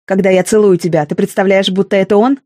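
Woman reads angry jealous young man, harsh, accusing lines, mellow tone. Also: medium pitch, fairly even intonation, fast, no echo, clean studio sound, close to an everyday voice.

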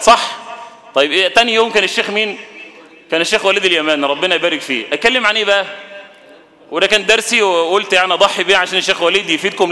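A man's voice: sits high, sharp tone. A man preaching a Ramadan talk in a mosque with an Egyptian Arabic accent, speaking colloquially and asking the audience questions. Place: mosque hall. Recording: reverberant mosque hall.

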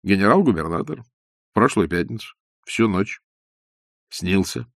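A man's voice: lowish voice, expressive, unhurried, gravelly, a bit bright, no room sound, clean studio sound, exaggerated voice. A man voicing a cheerful young con man who talks in an easygoing, sly, good-natured way. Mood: playful.

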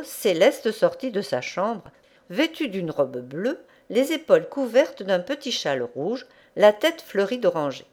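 A woman narrating a classic novel as an audiobook reader, with expressive storytelling. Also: mid-range voice.

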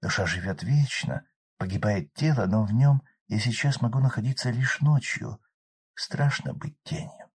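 The soul of a dead young woman, speaking in a hushed, near-whispered way, as a male reader puts her on. The voice stays soft and sounds a little distant, with a husky edge. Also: mid-range voice, moderate pace, voice pushed up, natural voice. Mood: hushed sorrow. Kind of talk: audiobook character voice.

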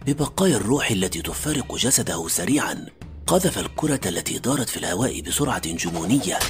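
A man playing an anxious, analytical male doctor who narrates a radio horror story in a suspenseful, formal literary manner. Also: on the low side. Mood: grave, tense. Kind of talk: dramatic first-person radio story narration. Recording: faint music under the voice. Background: faint background music.

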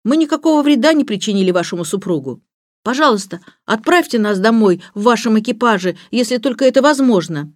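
A woman's voice: on the high side, lively intonation, brisk, no echo, clean studio sound, pitched above the performer's own voice, natural voice. A woman voicing an earnest, polite young schoolboy.

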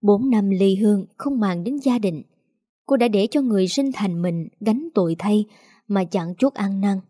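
Mellow woman narrating a story. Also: medium pitch, unhurried, no echo, studio quality.

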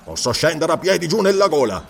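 A hot-tempered barbarian chief who swears and barks his resolve in a lively, rising voice, as the male narrator voices him. His lines swing up and down with a raised, gruff edge. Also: a little high, a little fast, far from the mic, a little hiss or hum. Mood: defiant. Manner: blunt, cursing, gruff. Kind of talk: audiobook character voice.

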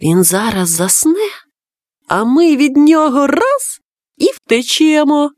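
A woman's voice: sits high, sing-song, slow, darkish tone, no echo, studio quality, full character voice. A woman voicing a curious, wide-eyed little boy in a storybook reading, eager and wondering.

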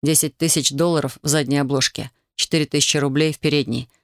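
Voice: mid-range voice, steady tone, fast talker, dry recording, natural voice. A reader voicing a young soldier husband, earnest and remorseful, in a dry audiobook recording.

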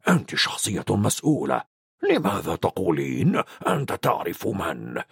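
Gentle elderly headmaster wizard, voiced by a man, low and husky, dry close read. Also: huge pitch swings, no echo, heavily acted. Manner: soft, unhurried, kindly.

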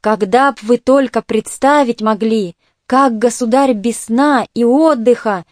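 A woman reading an audiobook voices a wheezing, gouty old male clerk who pleads hoarsely and fervently. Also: a little high, a little slow, darkish tone, no room sound, studio quality, lightly acted. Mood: agitated.

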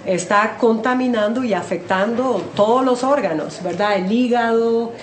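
A woman's voice: a little high, moderate pace. A woman interpreting at a conference, speaking hesitantly with fillers and tag questions. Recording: echoey conference room.

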